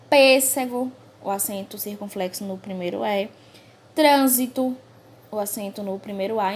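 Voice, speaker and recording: A Brazilian woman teaching a grammar review to young pupils, speaking slowly and clearly and stressing each example word. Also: medium pitch, a little mellow. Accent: Brazilian Portuguese. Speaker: primary school teacher.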